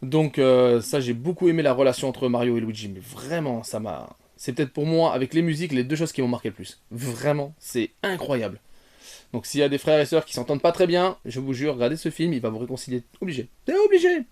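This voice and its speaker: A man rambles through an unscripted film review, restarting his sentences and padding them with fillers. He speaks directly to his viewers, moving from quiet muttered asides to sudden loud exclamations. His pitch sits right in the middle for a man. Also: a little fast. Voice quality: bearded. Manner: animated, swings from soft asides to loud outbursts. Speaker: retrogaming YouTuber.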